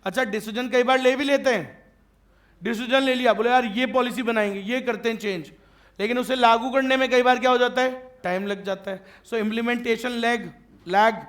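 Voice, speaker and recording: A man lectures his class in a very high voice. He teases his students with jokes and keeps asking whether they follow. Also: moderate pace, fairly bright tone. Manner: checks often that students follow; joking and teasing with students. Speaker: teacher.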